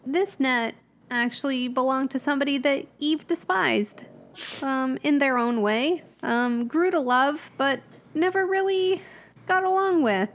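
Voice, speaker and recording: A woman speaks in character while roleplaying as a player at a tabletop game. Her voice sits high and her pace is measured. She sounds hesitant, thinking aloud with many ums.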